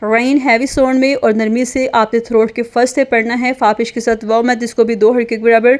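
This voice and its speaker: A woman teaching children letter sounds in a slow, patient lesson. She repeats each sound several times and explains how to pronounce it. Her voice sits a little high. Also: level tone. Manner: patient, drills letters repeatedly, mixes in English words. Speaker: Quran reading teacher for children.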